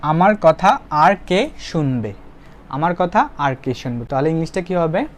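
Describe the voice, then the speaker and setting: A man teaching spoken English, saying example phrases slowly and word by word for the learner to repeat. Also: on the high side, animated, a little hiss or hum.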